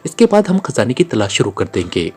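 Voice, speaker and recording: A man voicing a sly, calm male secret agent hero in an audiobook, speaking smoothly and cunningly. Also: mid-range voice, fairly quick, soft background music.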